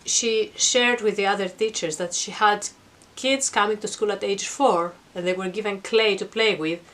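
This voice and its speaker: A middle-aged woman speaks at a medium pitch in an informal vlog style. She explains things earnestly and reflectively, as if thinking aloud to her viewers. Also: normal speed, fairly bright tone. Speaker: vlogger. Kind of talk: informal explanatory talk to camera. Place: attic at home.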